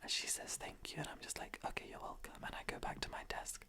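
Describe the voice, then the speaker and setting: A man's voice: fast talker, sharp tone. Man whispering gossip in an ASMR role-play. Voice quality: breathy, mostly unvoiced whisper. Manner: gossipy, confiding storytelling in a whisper. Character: confiding best friend spilling workplace gossip. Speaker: ASMR performer playing a gossiping best friend.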